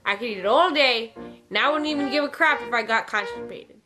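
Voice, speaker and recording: A woman's voice: a little high, a little fast, poor audio. A young woman vlogging casually, answering viewer questions in a chatty, digressive way with lots of ums and likes. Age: young adult. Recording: old jazz music playing under the voice.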